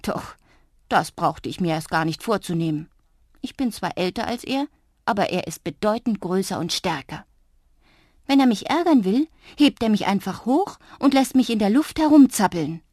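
Expressive woman reading a children's story. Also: on the low side, moderate pace, dry recording, studio quality. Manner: expressive, dropping often to a soft hush. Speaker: narrator. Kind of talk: children's audiobook narration.

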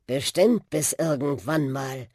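A woman's voice: very deep voice, slow, a little mellow, husky, no echo, studio quality, exaggerated voice. A woman voicing a sentimental old male talking bus that sighs as he speaks, in a storybook reading. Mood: wistful. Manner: wistful, sighing.

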